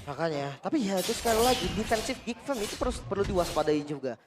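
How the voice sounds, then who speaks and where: A man with an Indonesian accent giving energetic, analytical commentary on an esports match. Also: sits high, quick pace, background noise.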